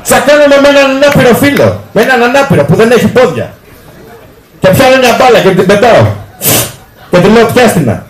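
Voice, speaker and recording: A man's voice: extremely high pitch, animated, long pauses, faint music behind, a faint crowd. A male comedian telling a stand-up story on stage in a club and acting out both sides of each exchange. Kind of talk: live stand-up routine. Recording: echoey live club. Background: audience laughing.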